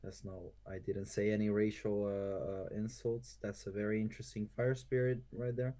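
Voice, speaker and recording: Laid-back low-voiced man. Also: flat delivery, normal speed, warm tone. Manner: laid-back, hesitant, many fillers. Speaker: co-host. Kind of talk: casual live-stream game chat.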